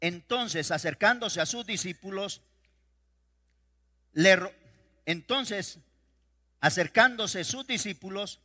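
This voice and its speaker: A male pastor preaching a sermon, swinging between loud declarations and quiet storytelling. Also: sits high, takes it slowly, long pauses. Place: church sanctuary. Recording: reverberant church hall.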